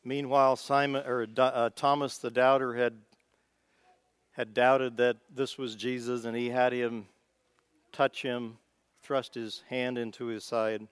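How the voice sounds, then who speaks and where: Recorded dry, this Midwestern preacher speaks at a measured pace with a medium pitch, level tone and clean sound. His sermon is folksy and conversational, as if he's thinking it through aloud, with small restarts along the way.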